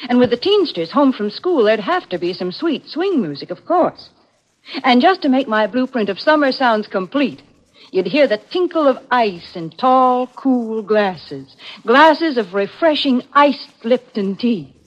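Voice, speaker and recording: A woman's voice: fairly high pitch, very animated, measured pace. A woman performing a chipper, wholesome old-time radio advertisement in a polished manner, as the show's spokeswoman. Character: chipper folksy woman pitching summer refreshment. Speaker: commercial spokeswoman on a radio show. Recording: dull vintage radio recording.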